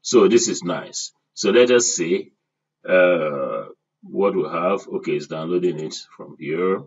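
A man's voice: low-pitched, slow, husky, far from the mic, highs cut off. An older man giving a screen-share lesson, talking straight to his class and asking them to repeat after him. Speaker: online course instructor.

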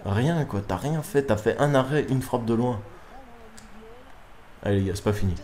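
A young man giving excitable live commentary on his own football video game match, swearing at his players and breaking into shouts. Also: mid-range voice, normal speed. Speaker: gaming YouTuber. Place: room at home at night.

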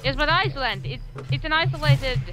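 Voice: high voice, a little fast, over music, low-quality recording. A player in a casual gaming chat, making dry, sarcastic quips.

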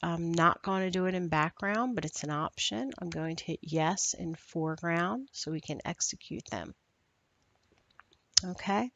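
A woman trainer walking through a screen-recorded software tutorial in a steady, instructional way. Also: lowish voice, no room sound.

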